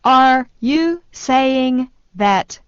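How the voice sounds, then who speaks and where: A woman slowly and deliberately repeating short phrases for learners in a language lesson. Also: sits high, animated, clear, resonant tone, no room sound. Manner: very slow, deliberate delivery. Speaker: phrase reader. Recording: dull lo-fi dry sound.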